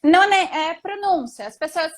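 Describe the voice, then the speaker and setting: A woman hosting an interview, talking in a lively, casual way with slang. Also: very high voice, normal speed. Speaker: host.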